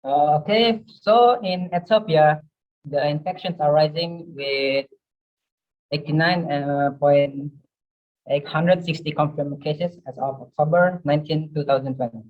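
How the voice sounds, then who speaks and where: A young student giving a careful, measured class answer. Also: male voice, fairly high pitch. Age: young adult. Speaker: student panelist. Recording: dull lo-fi call audio.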